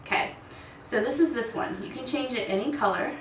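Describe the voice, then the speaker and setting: A woman in her thirties giving a casual, rambling tutorial at home, chatty and quick to laugh. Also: a little high. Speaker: content creator teaching lighting. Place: home room set. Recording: echoey room, distant mic, faint hiss.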